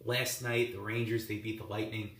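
A man talks through baseball and hockey recaps in a loose, rambling monologue with a touch of sarcasm. His voice is bright and forceful. It sits a bit back from the mic in a roomy space that echoes. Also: lowish voice, flat delivery, normal speed. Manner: rambling, conversational, mildly sarcastic. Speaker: sports talk show host. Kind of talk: casual sports commentary monologue. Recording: roomy echo, voice somewhat far from the mic.

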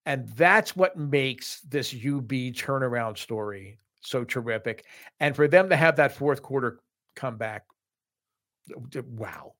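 A middle-aged man co-hosts a college sports podcast in a medium-pitched, slightly bright voice. He talks casually and enthusiastically at an unhurried pace, often repeating words and restarting his sentences.

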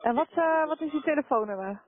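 High-voiced woman operator over a landline phone. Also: expressive, quick pace. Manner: polite, noncommittal. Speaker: police telephone operator. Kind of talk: customer service phone call. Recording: thin, narrow telephone line.

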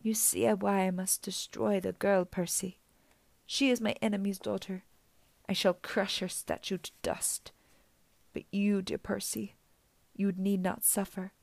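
A woman's voice: lowish voice, fairly even intonation, unhurried, few pauses, no echo, lightly acted. A woman voicing a menacing old she-monster who coaxes with a purr like a kindly grandmother, in an audiobook. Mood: quietly coaxing. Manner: coaxing, purring, sinister.

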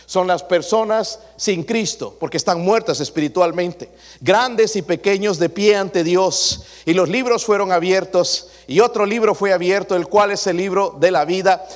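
A man preaching from the pulpit, his voice sitting a little high for a man. He moves between loud, emphatic passages and hushed asides to the congregation. His voice rings out with a long echo through a church hall. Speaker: pastor. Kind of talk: sermon. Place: church sanctuary.

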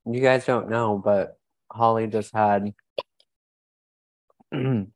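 A man's voice: fairly low pitch, steady tone, slow, dry recording. A man co-hosting a casual podcast, chiming in with short, dry quips and banter. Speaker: podcast co-host.

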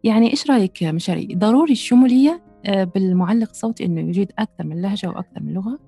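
A woman's voice: mid-range voice, expressive, very fast, vocal fry, dark tone, husky, faint music behind. A woman hosting an interview, asking short questions and prompting her guest. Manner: brief prompts and acknowledgements. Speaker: interviewer host.

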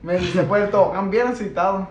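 A man's voice: high-pitched, fairly quick, over a noisy crowd. A young man with a Mexican Spanish accent, telling a story in casual, slangy podcast chat. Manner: slangy, laid-back storyteller. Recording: echoey room.

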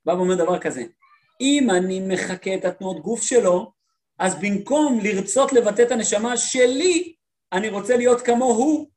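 A male rabbi giving a Torah lesson, telling stories lively and acting out the people he quotes, often repeating words for emphasis. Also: sits high. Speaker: rabbi teaching a class.

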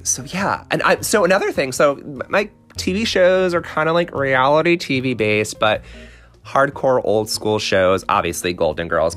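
Chatty male podcast host, lively sing-song delivery, gushing solo ramble. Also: on the low side. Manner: gushing, animated, lots of fillers and exclamations.

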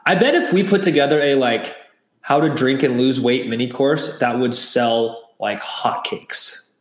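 A man's voice: medium pitch, measured pace. A man co-hosting a podcast, chatting casually and plugging the channel with enthusiasm. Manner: upbeat, promotional. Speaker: podcast co-host. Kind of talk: casual chat. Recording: roomy echo.

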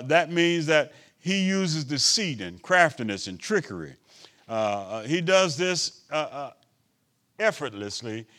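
Preaching bishop with a high voice. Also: male voice. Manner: preaching with call-and-response asides; swings between loud emphasis and quiet asides. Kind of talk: sermon.

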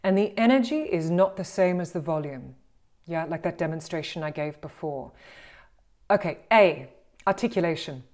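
A woman with an Australian accent, teaching voice and speaking skills in an animated, encouraging way and acting out the exercises she describes. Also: on the low side, moderate pace. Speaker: voice and communication coach. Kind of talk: instructional talk on speaking skills.

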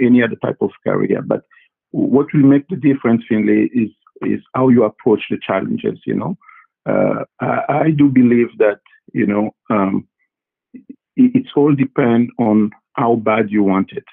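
A man who grew up in Congo answers students' questions in a halting way, full of fillers and repeated words. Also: on the low side, creaky, slightly rough. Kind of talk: casual interview answers. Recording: tinny phone-like line.

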